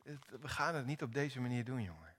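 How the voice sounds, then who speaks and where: A man voicing a gentle, loving male teacher who speaks softly and fatherly in a retold story from the pulpit. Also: medium pitch, animated, a little fast, husky. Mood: tender. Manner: soft, fatherly, calls him lad.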